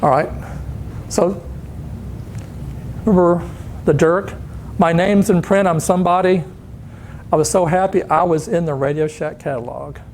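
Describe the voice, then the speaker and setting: A man in his sixties tells stories to a conference audience with a slightly high voice. He swings into animated voices for the people he quotes. Faint noise sits under the recording. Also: measured pace, pauses often. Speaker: conference speaker. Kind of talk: storytelling talk. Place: conference hall.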